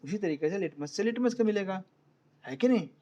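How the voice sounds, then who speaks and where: A man's voice: high-pitched, expressive, a little fast, dark tone. A man with an Indian accent teaching an online science class in Hindi, explaining step by step and often checking whether students follow.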